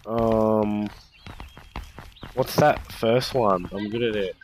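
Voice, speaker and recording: A man's voice: on the low side, very slow, a little mellow. A young man hosting a casual gaming session, joking and teasing his friends with lots of swearing. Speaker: channel host.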